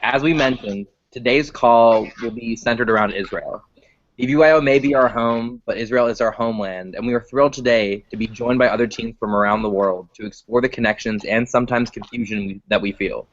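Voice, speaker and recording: A man's voice: medium pitch, fairly quick. A teenage boy hosting an online video call, reading his prompts with fillers. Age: teens. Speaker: host. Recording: dull lo-fi call audio.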